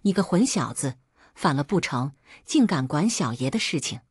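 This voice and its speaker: A woman storyteller voicing a drunken, bullying young husband who sneers and threatens, in a husky, lively voice for a storybook tale. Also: low-pitched, moderate pace, no echo, studio quality, heavily acted. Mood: sneering. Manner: sneering, swaggering and contemptuous.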